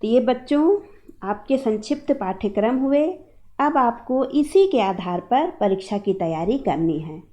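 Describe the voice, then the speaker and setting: A woman teacher, going through the syllabus for students in an online lesson and giving slow, clear instructions. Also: mid-range voice, dark tone.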